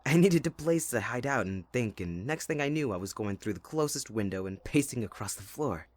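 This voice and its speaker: A man playing Jack Frost, a playful, possessive young winter spirit, with a husky voice in a dramatic, intimate ASMR roleplay. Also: mid-range voice, animated, fairly quick, a little mellow, natural voice. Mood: uneasy, protective. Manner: teasing, dramatic, addressing the listener closely.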